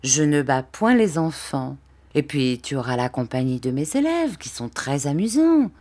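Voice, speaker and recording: A woman voicing a calm, firm older man who speaks to a child fairly gently. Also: sits low, normal speed.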